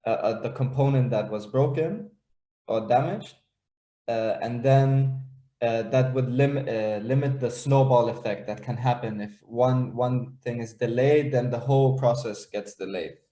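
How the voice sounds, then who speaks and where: A man's voice: mid-range voice, a little slow, mellow, echoey room. A young man from Denmark and Israel, a startup founder presenting on a video call, talking hesitantly with many fillers and restarts.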